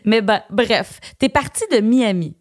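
A woman with a Québécois French accent hosting a podcast, asking eager questions and reacting quickly in casual chat. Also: fairly high pitch, expressive. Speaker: podcast host.

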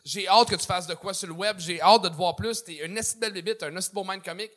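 A man's voice: high-pitched, fast talker, bright, forceful tone. A man hosting a casual comedy podcast, hyping up his guests. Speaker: podcast host.

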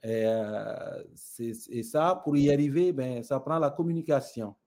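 A man's voice: medium pitch, measured pace, mellow. A middle-aged man from Senegal with a Senegalese French accent, a guest speaking thoughtfully and with conviction, telling parables. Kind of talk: reflective conversation.

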